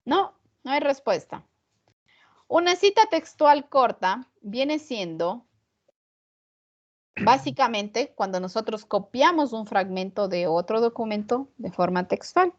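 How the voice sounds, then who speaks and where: A woman's voice: mid-range voice, expressive, measured pace. A woman teaching an online class on punctuation, often checking in with rhetorical questions to her students. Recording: muffled lo-fi online class audio.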